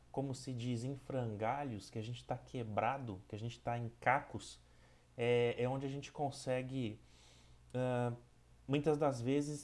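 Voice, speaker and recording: A man with a Brazilian Portuguese accent leads a spiritist study group at a measured, mid-pitched level. His delivery is calm and reflective, moving from a read passage into thoughtful teaching, and he often pauses to check in with his listeners. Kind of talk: reading a passage, then reflective teaching talk.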